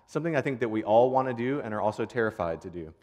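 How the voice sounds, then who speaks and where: A man with a mid-range, darkish voice talks fast and animatedly, preaching as a pastor in an earnest, informal, conversational style. His sermon mixes prayer with storytelling, and he repeats phrases to build rhythm. The recording carries a long hall reverb.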